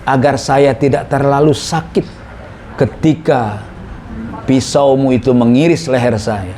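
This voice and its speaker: A man voicing a gentle, devoted teenage son. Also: mid-range voice, fairly even intonation, measured pace, slight background noise, pitched below the performer's own voice, close to an everyday voice. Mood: earnest pleading. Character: devoted teenage boy, calm and self-sacrificing.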